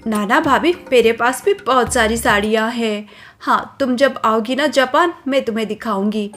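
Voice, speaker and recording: A woman's voice: on the high side, moderate pace, fairly bright tone, faint music behind, lightly acted. A woman voicing a spoiled, scheming young wife who sweet-talks and boasts, in a cartoon story. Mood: coaxing. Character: scheming spoiled young wife, sticky-fingered sister-in-law.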